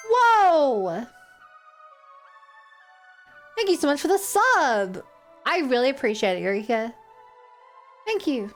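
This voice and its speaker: A woman's voice: high voice, very animated, unhurried, a bit bright. A woman streamer playing a video game live, commenting and reading dialogue aloud. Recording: game music behind the voice. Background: game music.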